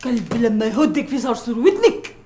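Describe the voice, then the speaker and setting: A woman's voice: a little high, sing-song, fairly quick. An actress playing a cheeky male house servant who talks back, with an Egyptian accent. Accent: Egyptian Arabic. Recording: roomy echoey set.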